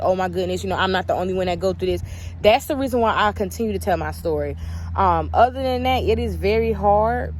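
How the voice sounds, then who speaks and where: A woman's voice: mid-range voice, slight background noise. A young woman answering viewer questions in a candid, chatty story-time vlog. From United States.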